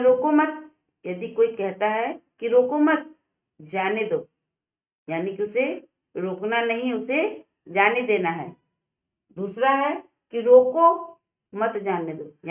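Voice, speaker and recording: Lady teacher explaining slow n careful, asks the kids stuff, roomy lo-fi sound. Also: medium pitch. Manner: slow, deliberate, asks questions to students. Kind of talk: classroom lesson. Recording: echoey, dull lo-fi room.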